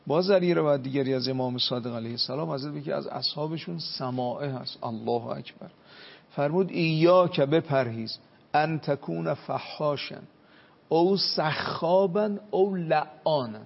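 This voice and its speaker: Man preaching, gravelly husky voice, a bit high, long hall reverb, dull sound. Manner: preaching with Arabic hadith quotes, storytelling. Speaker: cleric. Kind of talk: religious talk on a TV show.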